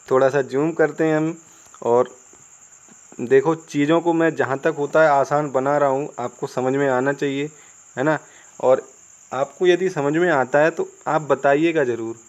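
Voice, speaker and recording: A chatty Indian man with a somewhat high voice, walking viewers through English spelling rules in relaxed Hindi. He spells each word out letter by letter and keeps checking in with "clear?". Faint insect chirping runs behind his voice-over. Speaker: English teacher. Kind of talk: casual Hindi classroom explanation.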